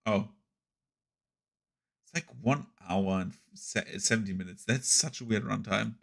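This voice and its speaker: A man's voice: on the low side, a little slow, vocal fry. A man streaming casually, reacting to a film with lots of laughter and swearing. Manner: excitable, laughs often, swears a lot.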